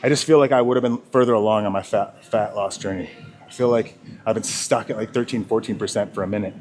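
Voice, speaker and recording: A man's voice: fairly low pitch, steady tone, quick pace, a little mellow. A man talking casually in a gym vlog while out of breath, rambling and swearing, with lots of sidetracks. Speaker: fitness vlogger. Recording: music playing clearly behind.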